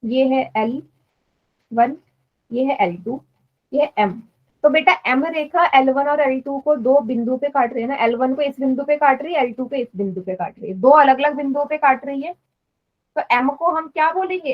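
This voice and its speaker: High-voiced woman math teacher. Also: muffled recording. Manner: patient, repeats points and quizzes students. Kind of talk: live online class lesson. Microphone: online class stream.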